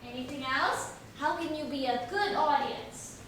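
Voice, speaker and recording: Teaching English to young learners, a woman uses a high-pitched, fairly bright voice and a slow, deliberate pace. She asks simple questions, repeats words, and praises answers encouragingly. A distant microphone captures her in an echoey classroom, where the room sounds very reverberant and a faint noise is present.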